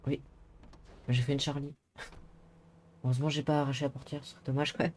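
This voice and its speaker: A man's voice: medium pitch, flat delivery, fairly quick, a crowd in the background, close to an everyday voice. A man playing a mild, worried, clumsy Englishman in an online role-play, hesitating in simple, slightly broken French with an English accent. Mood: earnest.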